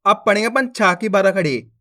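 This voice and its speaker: A man leads a beginner lesson on Hindi letters. He draws out each syllable slowly and calls it out loudly, then checks with the viewer whether they have understood. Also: high-pitched, lively intonation. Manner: slow, drawn-out syllable drills with questions to the viewer. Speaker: Hindi teacher.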